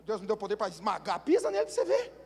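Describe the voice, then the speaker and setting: A Brazilian man preaching a sermon as pastor, telling animated stories and building up to shouts. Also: high-pitched, racing, breathy edge. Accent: Brazilian Portuguese. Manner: animated storytelling, acts out voices, builds to shouting. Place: church hall. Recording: long church hall reverb.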